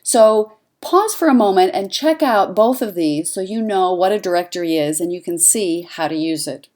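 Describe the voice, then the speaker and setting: A woman with a slightly low voice talks through an online lesson like an instructor guiding students. She speaks clearly and conversationally, and her pitch jumps up for emphasis on key points. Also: animated, normal speed, darkish tone. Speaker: journalism instructor. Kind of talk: instructional voice-over narration.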